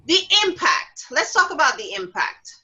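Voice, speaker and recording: Middle-aged woman host, higher voice, super lively, acts out every quote. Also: moderate pace, husky, poor audio. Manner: animated storyteller, acts out quotes with big pitch jumps, laughs often. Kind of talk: casual talk show discussion.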